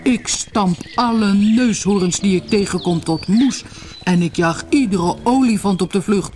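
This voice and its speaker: A woman voicing a boastful caterpillar that poses as a terrible male warrior, speaking in slow, booming threats. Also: a little mellow, natural voice. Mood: boasting.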